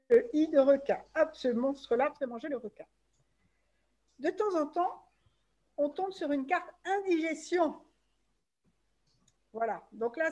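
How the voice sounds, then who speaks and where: A woman's voice: sits high, a little mellow. A woman presenting a game on an online webinar, walking through the rules step by step over a video call.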